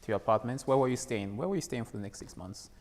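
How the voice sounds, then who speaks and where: A man's voice: mid-range voice, animated, quick pace, darkish tone. A male interviewer asks his questions playfully, with light teasing and frequent "mm-hmm" prompts. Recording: hall reverb, faint background noise.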